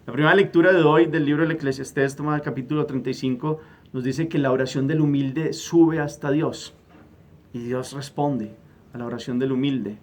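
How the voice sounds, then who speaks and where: A middle-aged man gives a Sunday gospel homily as a priest. He speaks emphatically at a middle pitch, often repeating a word as he searches for the next phrase, and lifts his voice when he acts out quoted prayers. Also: steady tone, moderate pace.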